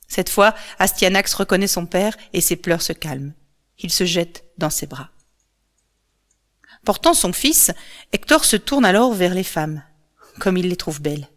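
A woman narrating a myth as a storybook, calm and measured. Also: fairly low pitch.

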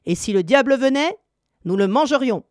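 A woman's voice: a little high, expressive, normal speed, darkish tone, no room sound, clean studio sound, voice pushed up, lightly acted. A woman voicing a proud male lion in a storybook, speaking in a raised voice. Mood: boastful. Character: proud male lion, bragging then fearful.

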